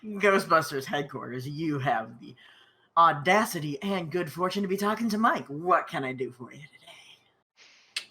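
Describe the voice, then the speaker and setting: A woman's voice: low-pitched, lively intonation, unhurried, sharp tone, pitched below the performer's own voice, heavily acted. A woman voicing a cocky male ghost hunter in a tabletop role-play, brash and showy.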